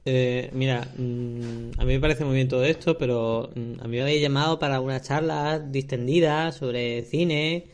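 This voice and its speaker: A man's voice: mid-range voice, fairly even intonation, normal speed, few pauses, slight background noise. A man from appearing as a podcast guest, grumbling and swearing in a sulky mock rant.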